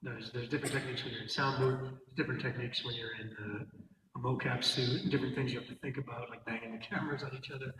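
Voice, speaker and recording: A man's voice: mid-range voice, fast talker, noisy background. A man voice actor talking on a convention panel, reflective and loose, laughing at his own tangents. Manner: reflective, wanders off then laughs at himself. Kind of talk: casual panel talk. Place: large convention panel room. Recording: echoey hall, voice from a distance.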